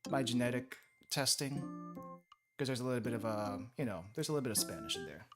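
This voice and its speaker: A young Filipino man chats casually on a study stream, thinking out loud as he works and laughing often. His voice is medium-pitched and expressive, and he talks at a quick pace. Music plays in the background.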